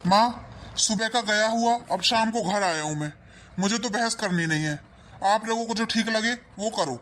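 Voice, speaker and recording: Cartoon son and husband, exasperated peacemaker, voiced by a man; high voice. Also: moderate pace, a bit bright, a little hiss or hum. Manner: exasperated, firm. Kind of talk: cartoon voice acting.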